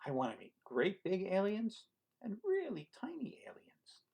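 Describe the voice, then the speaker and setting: A man reading a picture book aloud as an eager young boy who dreams of outer space, in a wide-eyed, excited storybook voice. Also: sits high, normal speed, vocal fry, muffled recording, a little hiss or hum, voice pushed up, full character voice.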